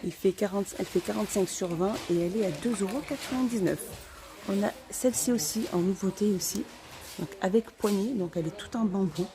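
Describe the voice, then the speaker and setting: Muffled by her face mask, a woman with a medium-pitched voice speaks fairly quickly while vlogging her way around a store. Her commentary is relaxed and a little hesitant, moving from one item to the next.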